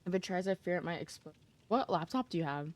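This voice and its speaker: A woman's voice: fairly low pitch, expressive, fast. A young adult woman streaming live, chatting casually with her chat while gaming and greeting viewers by name.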